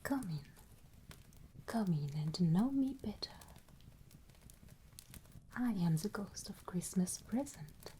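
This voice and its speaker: A woman playing an ancient, solemn Christmas spirit in a whispered ASMR roleplay, speaking in a deliberate, commanding way over background noise. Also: mid-range voice, lively intonation, warm tone. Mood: inviting, solemn. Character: female Ghost of Christmas Present, ancient, solemn, welcoming spirit.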